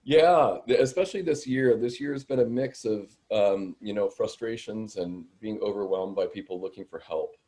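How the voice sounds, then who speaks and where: Speaking from home on a video-call webinar, a Seattle-area man in his fifties who works as a landlord attorney answers questions in a chatty, self-deprecating way. His lowish, mellow voice moves at a moderate pace with few pauses.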